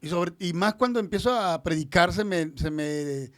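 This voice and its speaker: A man's voice: high-pitched, moderate pace, no echo, studio quality. A male preacher with a Mexican accent and a slight Central American lilt, a podcast guest telling stories in a casual chat, acting out dialogue and using lots of fillers. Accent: Mexican Spanish with a slight Central American lilt. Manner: animated storyteller, acts out dialogue, frequent fillers.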